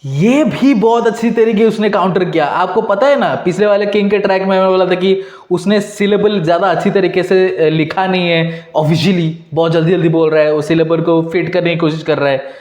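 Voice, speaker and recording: A man hosting a music reaction video, chatting excitedly, switching between Hindi and English and repeating lyrics back. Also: sits high, a little fast, hardly any pauses. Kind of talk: casual reaction commentary. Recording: echoey room. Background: faint music.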